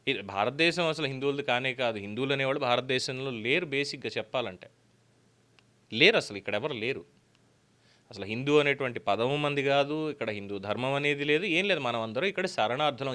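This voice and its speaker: A man's voice: mid-range voice, pushed and bright. A man hosting a news channel, giving argumentative, sarcastic commentary with many fillers, in a Telugu accent. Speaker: host.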